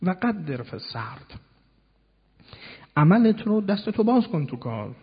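Husky-voiced man preaching in an echoing hall. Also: high-pitched, big pitch swings. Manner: didactic, explains word by word with rhetorical questions. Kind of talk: sermon. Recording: dull lo-fi sound in a long-reverb hall.

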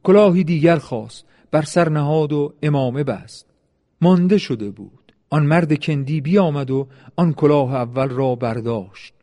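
A man reading a historical account as measured, solemn scripted narration. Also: a little high, warm tone.

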